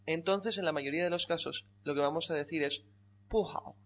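A man's voice: a little high, fairly bright tone, muffled recording. A man teaching Chinese in a one-on-one lesson, patiently explaining and drilling tones. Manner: patient, repeats tones slowly and drills pronunciation.

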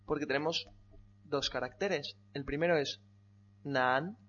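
A man's voice: fairly high pitch, fairly bright tone, muffled recording, slight background noise. A man teaching Chinese in a one-on-one lesson, patiently explaining and drilling tones. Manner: patient, repeats tones slowly and drills pronunciation.

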